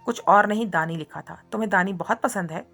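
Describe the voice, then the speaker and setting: A woman's voice: medium pitch, fairly quick, a bit bright, faint music behind. A woman voicing a feisty young woman who scolds and protests indignantly in a read-aloud story. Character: feisty young woman, sharp-tongued captive.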